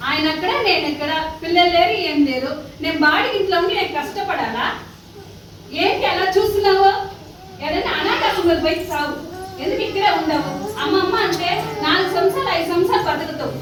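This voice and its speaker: A woman's voice: very high voice, animated, quick pace. A woman playing a scornful, cruel daughter-in-law. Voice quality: sharp, scornful. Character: harsh daughter-in-law, scornful then repentant. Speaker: church skit actor. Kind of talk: church drama skit. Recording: echoey hall from far off, noisy.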